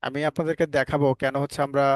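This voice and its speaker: A man's voice: medium pitch, flat delivery, racing, dry recording. A man teaching a live online English phonics class, asking the students questions over and over and scolding them firmly at times.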